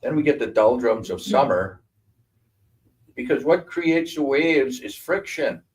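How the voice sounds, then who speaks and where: An older man from Wisconsin giving a talk, telling lively stories and acting out the voices of the people in them. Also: medium pitch, unhurried. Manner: animated storyteller acting out quoted voices. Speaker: guest speaker. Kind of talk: storytelling talk. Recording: voice from a distance.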